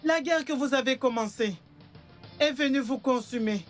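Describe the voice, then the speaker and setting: A man's voice: very high-pitched, moderate pace. A young man playing a son who swears revenge for his blinded mother, speaking threateningly in a French-dubbed film drama. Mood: vengeful. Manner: threatening, vengeful. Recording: film soundtrack with faint music.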